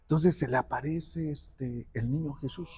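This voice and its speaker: A man telling a saint's life in conversation, acting out the quoted dialogue with lively shifts. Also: on the high side, measured pace, breathy edge, soft background music. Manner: animated, acts out quoted dialogue. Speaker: guest speaker on the parish patron saint. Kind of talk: conversational storytelling.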